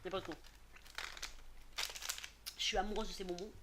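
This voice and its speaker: A woman's voice: mid-range voice, steady tone, moderate pace. Chatty woman in a noisy home haul video. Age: 30s. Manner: chatty, hesitant, many fillers and restarts. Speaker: beauty vlogger.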